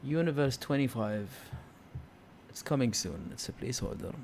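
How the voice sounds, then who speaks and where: A man's voice: mid-range voice, lively intonation, moderate pace, darkish tone. A man hosting a casual live stream, thinking aloud in a hesitant, unscripted way. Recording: clear background noise.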